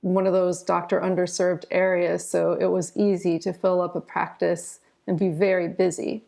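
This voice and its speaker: Her voice is fairly low, creaky, and mellow, with little pitch movement and a normal speed. An American woman in her forties from southern Ohio, a former physician turned author, tells her own story candidly as an interview guest, peppering it with "you know."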